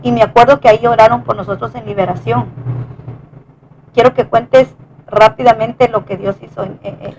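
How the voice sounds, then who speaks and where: A woman's voice: a little high, fairly even intonation, a little mellow, slight background noise, low-quality recording. A woman telling her husband's and her own story in an earnest, conversational testimony, often restarting her sentences. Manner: earnest, halting with many restarts. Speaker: wife sharing testimony.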